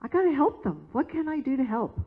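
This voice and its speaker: A woman's voice: high voice, sing-song, a little fast, pitched above the performer's own voice. Woman doing a determined small-town woman pastor. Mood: rallying. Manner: resolute, rallying. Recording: tinny phone-like sound.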